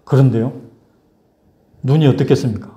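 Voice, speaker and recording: A male pastor preaching a sermon, telling a story in a lively, playful way. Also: medium pitch, normal speed.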